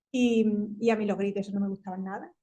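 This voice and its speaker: A woman in her fifties with a Spanish accent, speaking on a panel as a tech company executive, animated and quick, laughing often and restarting her sentences. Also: mid-range voice. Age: 50s. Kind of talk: panel discussion.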